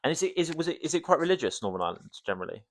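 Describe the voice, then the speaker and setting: A man's voice: on the high side, sing-song, racing. A young man from Cornwall hosting a casual podcast at home, teasing and joking with his guest, full of fillers. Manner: jokey, teasing, chatty with fillers. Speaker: podcast host.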